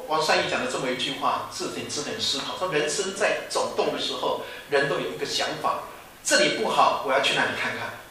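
A man's voice: on the high side, bright, forceful tone, a little hiss or hum. A male pastor and former professor giving an informal sermon to students, chatty and teasing, with rhetorical questions and laughing asides. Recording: echoey room from a distant mic.

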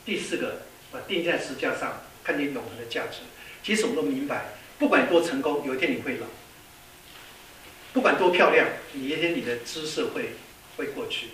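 A man preaching a sermon in a lively storytelling way, with many rhetorical questions and some English words mixed in. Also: medium pitch, brisk. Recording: echoey hall, distant mic, faint hiss.

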